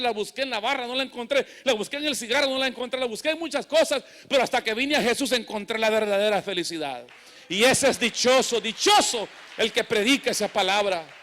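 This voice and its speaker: High-voiced fervent preacher man. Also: a bit bright. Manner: fervent, rising to emphatic declarations. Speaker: pastor. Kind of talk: sermon. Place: church sanctuary.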